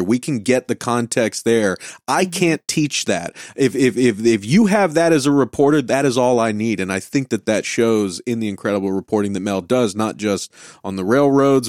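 A man speaks earnestly as a guest on a casual podcast panel. His voice sits on the low side and comes through smooth and resonant. He is emphatic and repeats words as he pushes his point. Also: dry recording, studio quality. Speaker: guest, host of a labor show.

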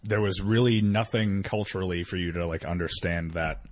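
A man's voice: deep voice, steady tone, normal speed, no echo. A man in casual podcast chat who speaks hesitantly and trails off mid-thought.

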